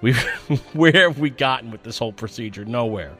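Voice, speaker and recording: A man telling a personal story as a monologue, in an animated, profane and self-mocking way. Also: medium pitch, moderate pace, faint music behind.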